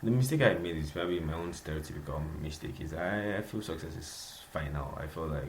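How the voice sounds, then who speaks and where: A man's voice: very deep voice, brisk, slight background noise. A young Nigerian man with a Nigerian accent, hosting a casual solo podcast, chatty and repeating himself, laughing often. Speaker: podcast host.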